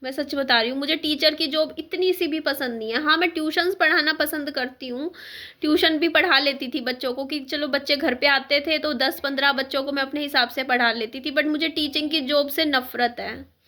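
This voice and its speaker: High bright-voiced woman vlogging casually. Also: fairly even intonation, normal speed. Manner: chatty, rambling, with frequent fillers. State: sore throat, clearing it often. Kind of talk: casual chat to camera.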